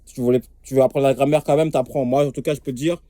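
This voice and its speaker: A man's voice: mid-range voice, fairly even intonation, racing, dark tone, dry recording, studio quality. A young man in casual, streetwise talk about learning languages, emphatic and repetitive, often checking that the listener follows. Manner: streetwise, repetitive, emphatic, keeps asking "tu vois". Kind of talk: casual slangy talk to camera.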